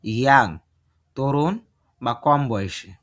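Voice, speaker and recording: Man, language teacher, very slow drilled delivery, mid-pitched voice. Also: fairly bright tone. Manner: slow, deliberate drilling of English sentences with translations. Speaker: English teacher. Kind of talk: bilingual language lesson.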